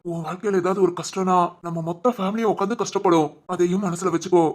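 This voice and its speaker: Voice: medium pitch, steady tone, fast talker, darkish tone, close to an everyday voice. A performer voicing a caring young man in a cartoon, a protective older brother who reassures and advises his sister. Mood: reassuring. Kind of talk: cartoon voice acting.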